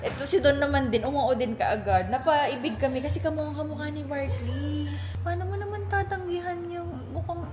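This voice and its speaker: A woman's voice: high voice, moderate pace, hardly any pauses, noisy background. Chatty Filipino woman vlogger. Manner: chatty, mixing Tagalog and English, cooing baby talk to a puppy. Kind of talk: casual vlog chat.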